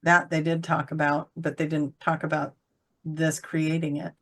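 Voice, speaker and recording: Low-voiced woman chatting about spiritual visions. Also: flat delivery, normal speed, fairly bright tone. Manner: rambling, searching for words with many fillers. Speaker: channeler co-host. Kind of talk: casual spiritual chat.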